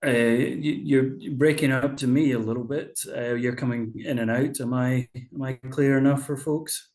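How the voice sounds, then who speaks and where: A man's voice: mid-range voice, fairly even intonation, normal speed, darkish tone, echoey room. A man hosting a whisky tasting over a video call, chatty and explanatory with frequent fillers. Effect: video call audio. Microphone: computer mic on a video call.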